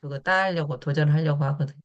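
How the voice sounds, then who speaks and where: A woman on an online call, her voice slowed down and dragging from the lag, chatting casually and explaining at length. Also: deep voice, dull audio, slight background noise. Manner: explains things at length, adding filler words. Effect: voice slowed down and dragging from a lagging online call. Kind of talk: casual chat over a video call.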